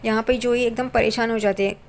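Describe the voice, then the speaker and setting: A woman narrating a TV serial episode recap in steady, plain storytelling that reads out the characters' lines. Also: on the high side, brisk.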